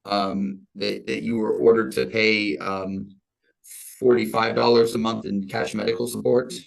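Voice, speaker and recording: An American man puts formal courtroom questions as a state's attorney. His voice is fairly low and full of vocal fry, though clean in tone. He proceeds haltingly, hesitating and repeating words. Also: level tone, poor audio. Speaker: state's attorney in child support case. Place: court hearing over video call.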